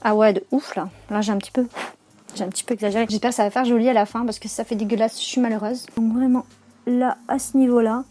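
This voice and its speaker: A woman's voice: a little high, steady tone, fast talker, dark tone. A young woman chatting casually through a makeup tutorial, slangy and full of fillers and self-corrections. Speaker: beauty vlogger.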